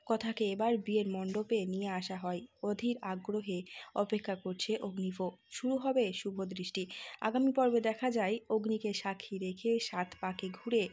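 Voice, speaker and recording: Husky mellow woman recapping a serial. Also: medium pitch, fairly even intonation, moderate pace. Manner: reads all characters' lines in quotes with little change of voice. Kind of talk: scripted narration reading out a TV serial recap.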